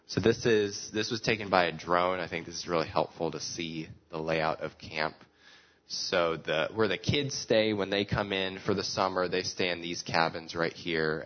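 A man giving an informal slideshow talk as a camp presenter, speaking in a halting, conversational way. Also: low voice. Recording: dull, muffled lo-fi sound.

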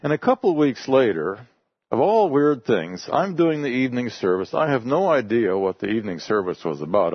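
A man of medium pitch with a slightly rough voice speaks English as his first language. He's a missionary describing his work to a congregation in a relaxed, folksy storytelling manner. No room sound comes through, and the lo-fi recording is dull.

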